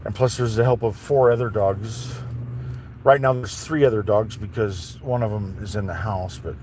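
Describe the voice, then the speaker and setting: A man's voice: lowish voice, normal speed, darkish tone, a little hiss or hum. A man vlogging from his vehicle on private land before dawn, rambling casually and swearing as he talks to his dogs. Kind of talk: casual chat while driving.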